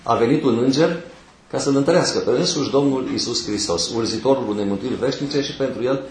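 A man delivers a sermon in a church, taking his points one by one with pauses between phrases. His voice sits at a middle pitch. The room around him rings with a noticeable echo. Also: a little hiss or hum. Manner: measured, teaching through numbered points with pauses. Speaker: preacher.

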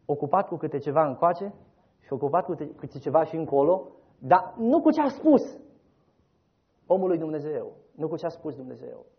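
Man, preacher, high lively voice, husky edge, dramatic sermon storytelling, loud rises and soft drops. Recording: dull lo-fi recording.

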